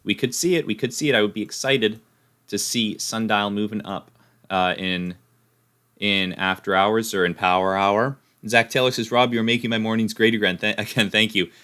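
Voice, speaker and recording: A man's voice: on the low side, steady tone, normal speed, a bit bright. A man hosting a live stock-market stream, chatting casually and reading out viewer comments, thinking aloud as he goes. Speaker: stock livestream host.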